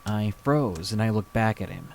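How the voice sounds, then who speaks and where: A man reading a scary true story aloud with slow, dramatic pacing. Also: fairly low pitch, expressive, creaky, a little hiss or hum. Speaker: story reader.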